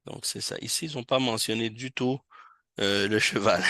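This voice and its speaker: A man's voice: on the low side, fairly even intonation, moderate pace, pushed and bright, dry recording. A man teaching an Arabic class in French, patiently explaining and correcting students. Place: mosque classroom.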